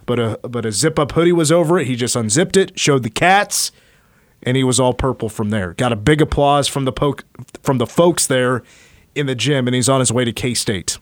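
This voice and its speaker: A man's voice: mid-range voice, moderate pace, dry recording. A man hosting a sports radio show, chatting casually and upbeat about college basketball recruiting from a studio. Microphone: studio microphone.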